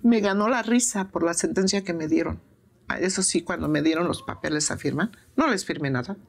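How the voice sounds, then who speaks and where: A woman's voice: on the low side, a little fast, gravelly. An older woman with a Mexican accent, speaking plainly and insistently in an emotional interview, repeating herself for emphasis. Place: prison.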